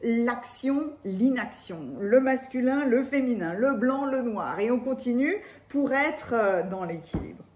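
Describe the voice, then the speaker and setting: A woman lisping on her s sounds delivers an excited, exclamatory tarot reading off the cuff, her fairly high voice lively in intonation, unhurried and with few pauses. The echoey room recording carries a little hiss or hum.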